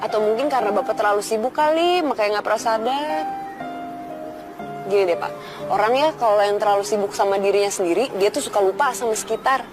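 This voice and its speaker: A woman's voice: medium pitch, fast, over music, natural voice. An actress playing a cheeky, outspoken young working-class woman in a TV drama, blunt and chatty. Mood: reproachful. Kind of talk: TV film drama acting.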